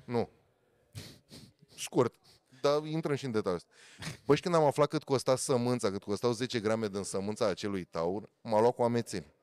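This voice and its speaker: A man, a motorsport commentator telling animated stories in a casual podcast chat. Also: clear, resonant tone, dry recording. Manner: animated storyteller, swings loud and high for emphasis.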